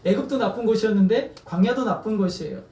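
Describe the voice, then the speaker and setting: A pastor with a high-sitting, dark-toned voice preaches quickly in a church sanctuary, heard at a distance through the echo. He puts questions to the congregation and has them respond and repeat words after him.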